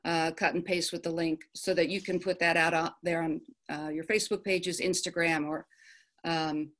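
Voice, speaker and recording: Halting low-voiced woman presenting. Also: little pitch movement, fairly bright tone. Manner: halting, many ums and uhs, informative. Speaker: committee presenter. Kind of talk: virtual office meeting. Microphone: video call.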